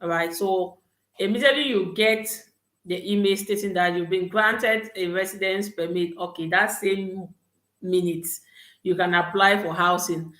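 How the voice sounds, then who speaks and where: A woman's voice: mid-range voice, a little slow, a bit bright. A young woman from Cameroon, hosting a live Q&A and giving advice with frequent "okay" and "all right" checks. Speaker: host answering study-abroad questions. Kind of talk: live Q&A chat. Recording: roomy echo.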